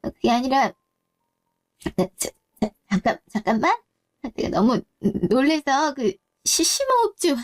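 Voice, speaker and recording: Brief: a woman as a sheepish, flustered mother in a story drama, high and lively. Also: measured pace. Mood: shaken. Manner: fussy, exclaiming. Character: flustered middle-aged mother, sheepish and warm.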